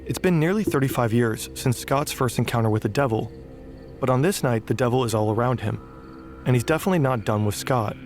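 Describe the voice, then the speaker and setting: A man's voice: mid-range voice, a little mellow, faint music behind. Man narrating a dramatic documentary. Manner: dramatic, measured delivery.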